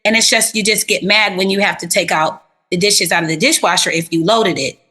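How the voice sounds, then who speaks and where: A woman therapist talks through stories in a relaxed interview with a bright, forward voice. She is animated and chatty, leaning on easy slang, and her pitch sits in an ordinary middle range. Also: a little fast, breathy edge. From South Florida. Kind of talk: casual interview storytelling.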